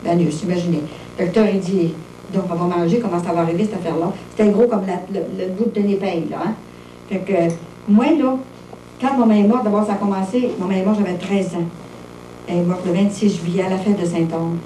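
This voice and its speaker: A Québécois woman in her fifties recounts her own story in a plain, chatty way, sprinkling fillers through her sentences. Her voice is mellow and heard from a distance. The room is echoey, with a faint hum of ambience behind her. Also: on the low side, fairly even intonation, brisk. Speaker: testimony speaker. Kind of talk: personal testimony storytelling. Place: monastery room with visitors. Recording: roomy echo, distant mic, faint ambience.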